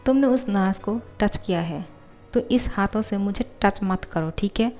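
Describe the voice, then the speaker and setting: A woman's voice: medium pitch, measured pace, a little mellow, faint music behind, lightly acted. A woman reading the part of a jealous, sulky ten-year-old boy in a fan fiction voiceover. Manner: curt, scolding.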